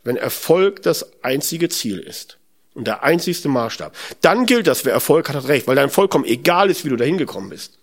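A man gives a spoken sermon in an easy, conversational way. His voice sits a little higher than most men's. He thinks aloud, poses rhetorical questions and keeps checking in with a quick "ne?". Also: very animated. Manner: conversational, often adds tag "ne?".

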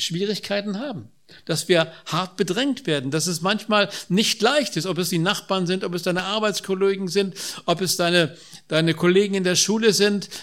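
A man in his sixties preaching a sermon, repeating key phrases and swinging from loud emphatic lines to soft, dropped endings. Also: high voice.

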